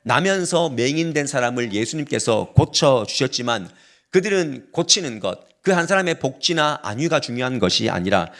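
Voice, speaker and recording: Korean pastor preaching a sermon. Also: male voice, mid-range voice, sing-song, normal speed, a bit bright. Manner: explanatory, asks the congregation questions.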